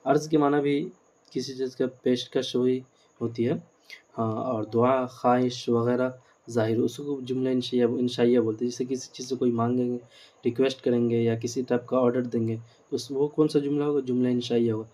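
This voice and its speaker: A man's voice: mid-range voice, flat delivery, mellow. A male teacher giving a grammar lecture, explaining step by step, asking rhetorical questions and mixing in English words.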